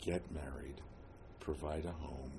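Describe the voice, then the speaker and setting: An elderly American man from New Jersey reminisces about his life in an interview, halting often with long pauses and hesitations. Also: very deep voice, steady tone, background noise. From New Jersey, United States. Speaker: oral history interviewee. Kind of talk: reminiscing, telling life story.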